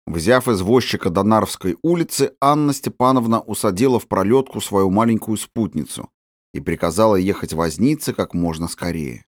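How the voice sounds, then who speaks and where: A man reading a children's novel aloud as an audiobook narrator, in a measured, expressive storytelling manner. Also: fairly low pitch, dry recording, studio quality. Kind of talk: scripted narration.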